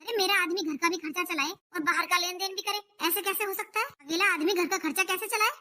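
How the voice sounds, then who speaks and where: A defiant young daughter-in-law in a home drama skit, played by a woman talks back rudely and picks fights. Her voice is very high and bright. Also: fast. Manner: rude, combative.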